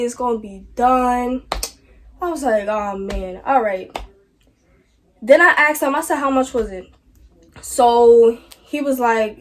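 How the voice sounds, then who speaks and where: Animated teenage girl telling a story. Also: sits high. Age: teens. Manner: animated storytelling with slangy asides, acting out quoted lines. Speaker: vlogger. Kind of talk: storytime vlog.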